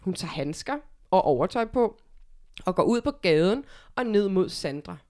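A woman's voice: medium pitch, expressive, mellow. Woman reading a story aloud casually. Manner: laughing, reads quoted lines with voices. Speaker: podcast co-host reading a story.

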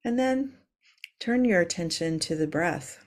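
A woman leads a calm grounding meditation as host, giving slow, measured, soothing instructions. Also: lowish voice. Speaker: host leading a guided breathing exercise.

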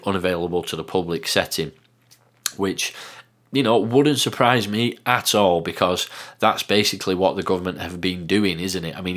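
A man's voice: deep voice, fairly bright tone. A middle-aged man with a northern English accent, hosting a podcast in a rambling casual monologue full of fillers and restarts. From northern England. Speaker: podcast host.

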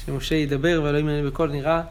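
A man's voice: on the high side, flat delivery, a little hiss or hum. Man teaching a Talmud page. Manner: explains texts, chanting quotations louder. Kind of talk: daily Talmud class.

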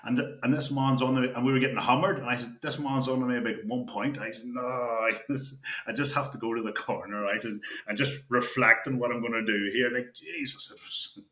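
A man's voice: medium pitch, steady tone, brisk, bright, forceful tone. A man, a former player telling laughing, rambling stories from his playing days. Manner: laughing anecdotal storyteller, repeats himself. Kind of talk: storytelling chat. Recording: roomy echo.

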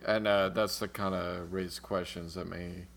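An American man with a low, gravelly voice talks loosely on a podcast. He rambles through his points, restarts sentences and swears now and then, in relaxed podcast chat. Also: measured pace. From United States. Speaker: podcast co-host. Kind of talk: casual podcast chat about a tabletop game.

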